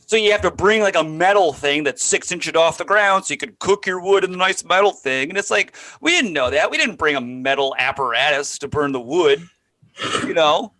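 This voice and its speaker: A man co-hosting a casual comedy podcast, telling a story with lively jumps in pitch when he quotes people. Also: moderate pace. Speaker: co-host.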